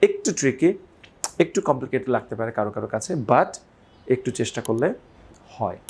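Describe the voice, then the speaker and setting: This Bangladeshi man's medium-pitched voice is lively in intonation, a bit mellow, with a breathy edge. His slow pronunciation lesson for English features drawn-out example words and a frequent "right?" to check understanding.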